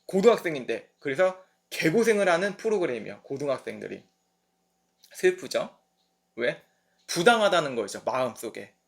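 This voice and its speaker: A man in his youth delivers a sermon, his voice sitting a bit high for a man. He talks in a lively storytelling way, dropping into voices for the people he describes. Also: normal speed, vocal fry. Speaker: pastor. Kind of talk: sermon at a midweek service.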